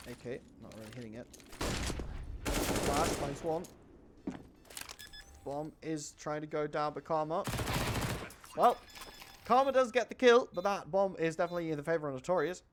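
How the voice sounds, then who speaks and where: Very noisy audio, including in-game gunfire, surrounds this excitable man doing live play-by-play for a shooter. He's an esports caster who ramps up in pitch and loudness during firefights and calms down between rounds.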